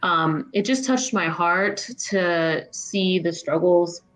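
A young adult woman from Maryland, relaxed and full of fillers, sharing her first trip abroad in a video call interview. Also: lowish voice, takes it slowly, faint music behind, poor audio. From Maryland, United States.

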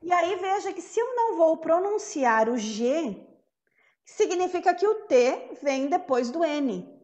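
High-voiced woman teaching slowly. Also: very animated, darkish tone. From Brazil. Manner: patient, repeats words slowly to model sounds. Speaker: English teacher. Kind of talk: classroom pronunciation lesson.

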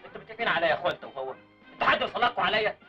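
An actor with an Egyptian Arabic accent playing an indignant, proud man who scolds loudly in an old film comedy. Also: high-pitched, lively intonation, heavily acted. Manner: loud, rapid, indignant scolding. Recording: dull old film soundtrack with music.

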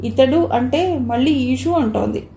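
Storybook: a woman reading a sweet schoolgirl, affectionate, higher pitch, roomy echo. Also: measured pace, creaky, mellow, slight background noise. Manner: affectionate, explaining.

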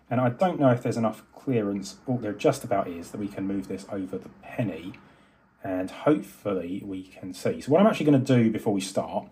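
Sitting indoors at a desk with a microscope and monitor, a man hosts an electronics video, narrating a hands-on demonstration. He thinks aloud, using fillers and correcting himself, in a lowish, slightly mellow voice.

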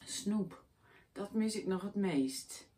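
A woman voicing a grumpy, greedy male schoolteacher who hates children, boastful and scornful, in a high, loud voice. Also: expressive, slow pace.

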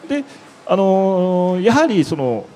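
A man's voice: high voice, big pitch swings, slow, mellow, a little hiss or hum. A man presenting a web demo on an exhibition stage into a handheld mic, explaining step by step with many filler words. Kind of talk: conference presentation.

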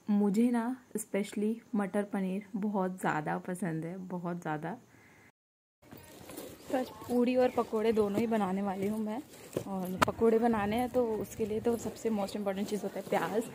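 A young woman vlogging casually from her family home, often narrating in a hushed near-whisper. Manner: high sing-song baby talk to her son.

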